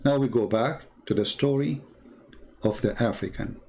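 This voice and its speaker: A man whose first language isn't English gives an informal, polemical commentary on religious texts, retelling and reading them aloud. His voice is gravelly, creaky, a little mellow, and slightly low for a man. He mocks sardonically as he tells stories, often halting and repeating himself.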